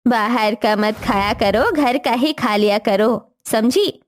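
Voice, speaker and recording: A woman doing a stern scolding mother-in-law. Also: on the high side. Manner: slow, commanding, scolding. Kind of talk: cartoon story voice acting.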